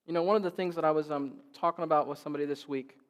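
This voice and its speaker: High-voiced emphatic male pastor preaching. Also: fairly even intonation, racing, long reverb tail. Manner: emphatic preaching with repeated phrases. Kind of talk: sermon. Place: church.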